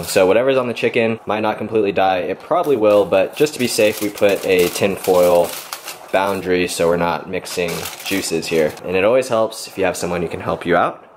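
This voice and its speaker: A man's voice: lowish voice, a little hiss or hum. A young man in his twenties giving a casual step-by-step cooking how-to in a home kitchen, explaining in an easygoing way. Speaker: fitness vlogger.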